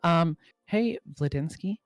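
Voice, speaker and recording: A man running a tabletop game as game master, narrating in a relaxed way with lots of fillers. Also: fairly high pitch, slow, clean tone, no room sound, soft background music.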